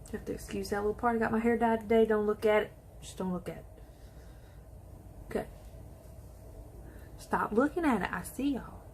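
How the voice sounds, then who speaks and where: A woman chatting excitedly to viewers while she does her makeup in a casual tutorial. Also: medium pitch, normal speed, pauses often, slight background noise. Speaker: beauty vlogger.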